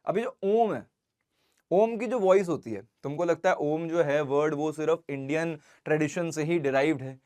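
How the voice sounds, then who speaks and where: A young man teaching an online science class, chatty and informal with his students, reading English lines slowly and deliberately. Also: a little high, darkish tone. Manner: chatty, addresses students as bhai and beta.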